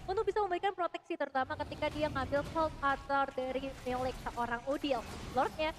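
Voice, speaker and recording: An Indonesian woman commentating and analysing an esports match as a shoutcaster. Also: high-pitched, fairly quick.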